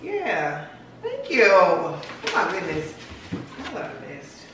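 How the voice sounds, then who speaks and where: A woman's voice: fairly low pitch, huge pitch swings, noisy background. A young woman vlogging casually at home, chatting as she unpacks and lists her groceries. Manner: chatty, unhurried, listing items aloud. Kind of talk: casual vlog narration. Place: large bare-walled house indoors. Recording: echoey room, mic at a distance.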